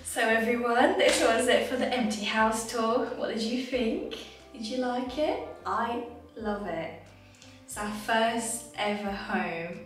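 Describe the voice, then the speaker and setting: Woman vlogger, bubbly and excitable, recorded off-mic in an echoey house with background music. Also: mid-range voice. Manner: bubbly, gushing and exclamatory. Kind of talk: casual house tour vlog. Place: empty house and its garden. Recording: echoey rooms, far from mic, music behind.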